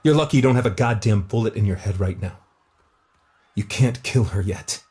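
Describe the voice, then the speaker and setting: A man's voice: fairly low pitch, normal speed, warm tone, pitched above the performer's own voice, close to an everyday voice. A man voicing a panicked, urgent right-hand man in an audiobook, barking orders. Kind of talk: audiobook character voice.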